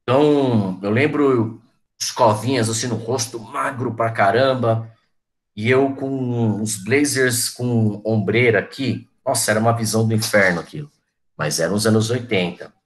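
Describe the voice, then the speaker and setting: A man in his forties talks to his online class in a loose, reminiscing way. His voice sits a little low, and he keeps turning to students by name as he goes. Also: moderate pace. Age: 40s. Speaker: teacher.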